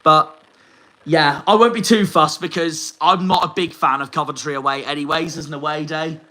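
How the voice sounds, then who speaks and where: A man's voice: a little high, steady tone, moderate pace, pushed and bright, low-quality recording. A young man from the Plymouth area, ranting angrily and swearing through a post-match fan reaction video. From Plymouth area, England. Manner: angry, swearing, fuming rant. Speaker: football fan vlogger.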